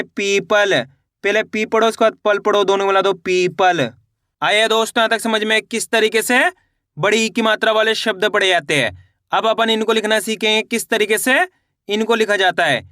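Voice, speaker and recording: A man with a high, bright voice sounds out words syllable by syllable, stopping to quiz the viewer. His voice is smooth and clear, recorded close and dry with no room sound. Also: no echo. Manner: slow syllable-by-syllable, repeats questions to viewers. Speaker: Hindi reading teacher. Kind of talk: spelling-out reading lesson.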